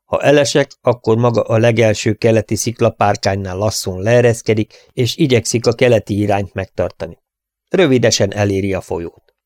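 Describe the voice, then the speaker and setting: A man's voice: fairly low pitch, darkish tone, no room sound, studio quality, close to an everyday voice. Man reading as a curt cowboy hero. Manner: terse, commanding. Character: tough young cowboy hero giving curt orders.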